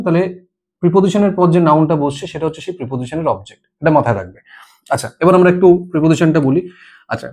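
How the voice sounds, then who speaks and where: A middle-aged man leads an exam-prep grammar lesson, his voice sitting a little high for a man. He explains patiently, step by step, and keeps checking with his students whether they follow. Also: a little mellow. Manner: explains step by step, asks "ঠিক আছে?" often. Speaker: teacher.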